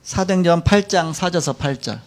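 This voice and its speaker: A man's voice: on the high side, fairly quick, a little hiss or hum. A middle-aged man preaching a sermon in a church. He speaks colloquially and animatedly, acting out quotes. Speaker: pastor. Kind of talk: sermon lecture.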